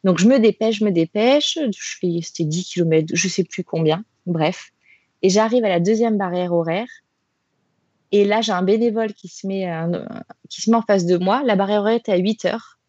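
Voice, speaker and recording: A woman guest tells her running story in a loose, animated way, stumbling through fillers and restarts. Her voice is husky and slightly breathy. The recording is dry and a little dull, with no room sound. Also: mid-range voice, moderate pace, no echo. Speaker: podcast guest, trail runner. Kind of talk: casual storytelling in an interview.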